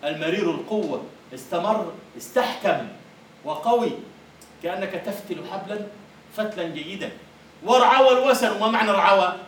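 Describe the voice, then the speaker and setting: A man with an Egyptian Arabic accent giving a university lecture on poetry and meter, who explains words and then recites verses slowly and emphatically. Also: high-pitched, fairly bright tone. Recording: echoey room from a distant mic with faint noise.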